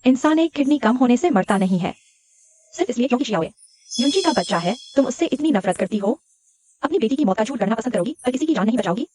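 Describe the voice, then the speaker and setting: A woman's voice: a little high, lively intonation, quick pace, dark tone. A woman voicing a scheming mistress who accuses and scorns the wife in a dubbed drama. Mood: accusing. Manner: accusing, urgent. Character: scheming mistress defending her son. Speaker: dubbed actress. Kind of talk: Hindi drama dubbing.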